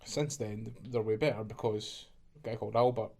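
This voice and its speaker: Mellow coach telling stories. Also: male voice, lowish voice, steady tone, brisk. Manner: easygoing storyteller, often laughing. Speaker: head coach, podcast guest. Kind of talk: casual interview chat.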